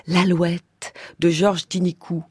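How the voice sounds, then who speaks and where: A woman's voice: lowish voice, flat delivery, takes it slowly, breathy edge, dry recording, clean studio sound. A woman narrating an educational piece in a playful way, teasing her listeners with questions before giving the answer.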